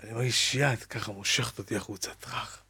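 A man's voice: mid-range voice, fairly even intonation, bright, forceful tone, husky. A man telling his life story in an interview, with a dramatic manner that acts out the voices of the people in it. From Israel. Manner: dramatic retelling with acted-out quotes. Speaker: guest.

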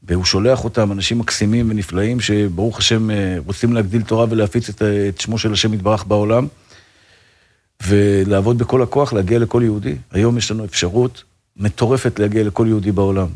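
Earnest man, slightly low voice. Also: fairly even intonation, a little mellow. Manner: earnest, fervent, full of religious phrases and restarts. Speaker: rabbi. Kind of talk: casual interview talk.

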